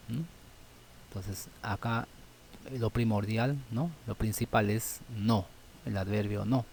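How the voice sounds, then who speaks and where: A man teaching a grammar lesson, thinking aloud and ending phrases with quick checking questions, with many fillers. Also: lowish voice, vocal fry, darkish tone, a little hiss or hum.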